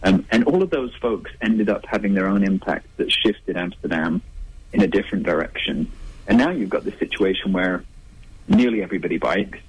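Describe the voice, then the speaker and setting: On a muffled recording, a male author guest responds to interview questions in a reflective, conversational manner, frequently starting over and giving light laughs. He speaks a little fast in a low, husky voice.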